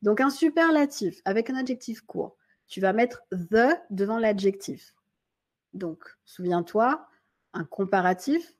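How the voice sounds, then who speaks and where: A woman teaching an English grammar lesson in French, patiently repeating key points and reading example sentences slowly in a friendly, informal way. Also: medium pitch, a little mellow. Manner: friendly and informal, addresses viewer as tu.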